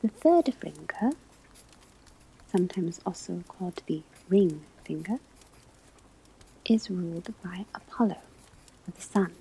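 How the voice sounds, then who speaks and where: A woman performing ASMR roleplay becomes a calm witch-school divination professor, whispering a breathy, soft lecture in a slow, measured, instructive manner. Her voice is fairly low in pitch and exaggerated. Classroom ambience, a crackling fireplace, and turning pages come through as clear background noise.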